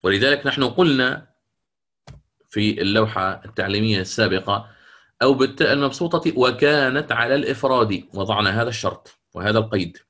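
A man's voice: medium pitch, fairly bright tone. Guy teaching quran reading rules, checks if everyone follows, stretches out the verses when he recites. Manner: explains slowly, recites verses in a drawn-out chant; checks in with listeners often. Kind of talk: online lecture on recitation rules.

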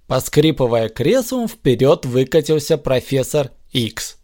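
A man narrating an audiobook in a lively, expressive storytelling manner. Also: medium pitch, unhurried.

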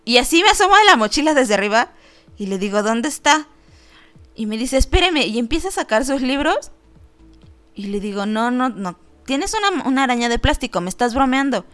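A woman with a Mexican Spanish accent hosting a radio show, telling a story in a lively, casual way, acting out the voices she quotes and laughing often. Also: fairly high pitch, a little fast, soft background music.

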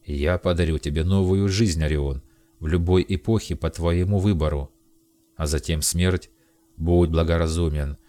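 A man reading the part of an imperious male golden god who commands and shouts in anger. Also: deep voice, fairly even intonation, normal speed, lightly acted. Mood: persuasive. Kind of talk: audiobook character reading.

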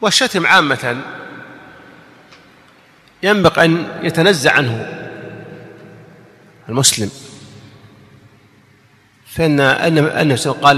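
A man's voice: a little high, pushed and bright. A man, a sheikh, giving a religious lesson. He explains hadith patiently, repeats key words and quizzes his listeners with questions. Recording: long hall reverb.

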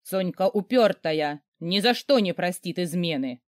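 A woman's voice: on the low side, expressive, moderate pace, dry recording, close to an everyday voice. A bitter, scheming middle-aged mother in a storybook, cold and contemptuous, her voice rising and falling with spite, as a woman reader puts her on. The sound is dry and close.

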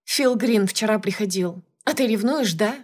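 A young woman clerk, quick to take offense and snap back , voiced by a woman reading the book. Her retorts are indignant and sharp, part of an audiobook. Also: medium pitch, natural voice. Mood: bitter. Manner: indignant, snappy. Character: young female office worker, touchy and defiant.

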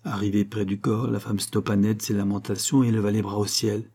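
A man reading a crime novel aloud in a measured, even narration. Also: on the low side. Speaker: audiobook narrator.

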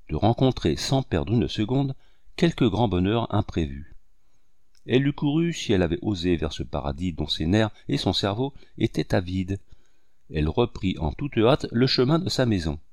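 A man narrating a novel aloud in an expressive, measured literary reading style. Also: fairly low pitch, dry recording, studio quality. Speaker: audiobook narrator.

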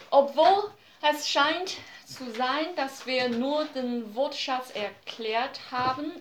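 A woman teaching a language class, who repeats each phrase patiently and explains it slowly. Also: a little high, a bit bright, roomy sound, a little hiss or hum.

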